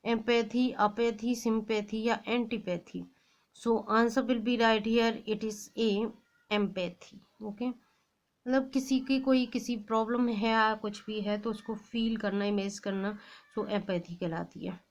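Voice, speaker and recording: Slow, careful Indian woman teaching. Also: fairly high pitch, steady tone, dull audio. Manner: reads each question, then names the answer with "it is guys". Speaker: English exam teacher. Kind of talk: quiz-style exam lesson.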